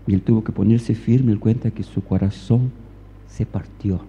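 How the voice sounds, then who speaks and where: A man's voice: medium pitch, gravelly, mellow, muffled recording. A male pastor preaching a sermon, telling a story and pressing his listeners with emphatic rhetorical questions, in a reverberant church hall.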